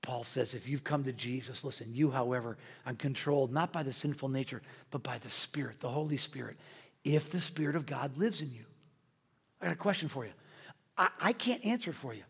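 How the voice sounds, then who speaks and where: Pastor preaching, loud to hushed. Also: male voice, mid-range voice, fairly quick, vocal fry, breathy edge. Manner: swings from loud preaching to hushed near-whispers. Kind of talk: sermon. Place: church sanctuary. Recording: long hall reverb.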